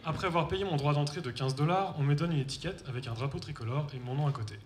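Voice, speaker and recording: Speaking fast at a fairly high pitch, a young French man tells the audience a funny story from his own life on stage, wry and mocking himself. The hall is echoey and carries faint noise.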